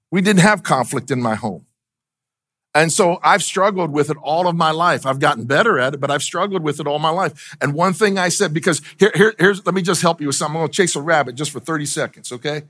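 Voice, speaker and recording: Male pastor, middle-aged, slightly high voice; conversational sermon with questions to the congregation. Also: a bit bright. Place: church.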